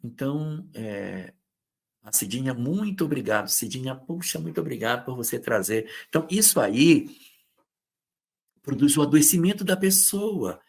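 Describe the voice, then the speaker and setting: A man's voice: mid-range voice, big pitch swings, moderate pace, creaky, darkish tone, slightly rough. A man giving an informal spiritist lecture on relationships, talking conversationally and acting out quoted partners in short bursts. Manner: acts out quoted abusive partners in brief bursts; conversational, with hesitations and reading out viewers' comments. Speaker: spiritist lecturer hosting a live talk.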